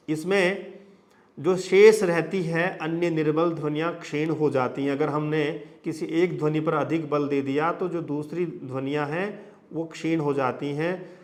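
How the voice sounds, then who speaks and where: In a lecture on phonetics, a man with a slightly high, fairly bright voice teaches about sound change. He explains step by step, working through long lists of examples and using frequent tag questions.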